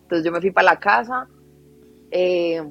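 A woman guest on a podcast, recounting a painful family story at length and laughing softly through the sad parts. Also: fairly low pitch, unhurried, creaky, lo-fi sound. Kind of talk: personal storytelling in a podcast interview.

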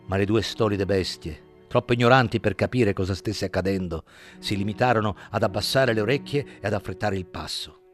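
A man narrating an audiobook in a dramatic, measured way. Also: lowish voice, soft background music. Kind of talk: scripted narration.

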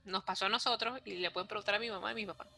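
A young woman chatting casually, excitable and slangy. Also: medium pitch, rapid-fire, vocal fry, slight background noise. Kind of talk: casual chat.

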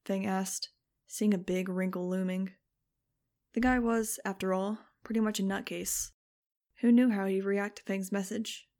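Woman audiobook narrator, level delivery with little pitch movement. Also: measured pace. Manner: steady, even storytelling. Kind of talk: scripted narration.

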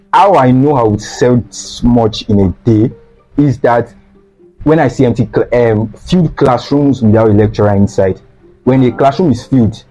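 This young adult man, a student who sells sweets, speaks with a Nigerian accent in a mid-range, dark-toned voice as a guest in a casual interview. He talks earnestly and repeats key phrases for emphasis, and the lo-fi recording sounds slightly dull.

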